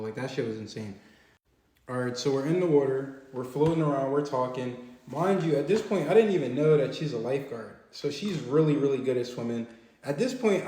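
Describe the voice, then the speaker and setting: A young man recounts a story in loose, slangy, animated talk. His voice sits at a middling pitch, and the room around him rings with a noticeable echo. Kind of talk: casual storytelling.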